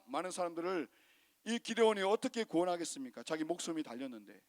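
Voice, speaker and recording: High voiced male pastor, sunday sermon, super dramatic, asks the crowd stuff a lot. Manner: dramatic, asks the congregation questions.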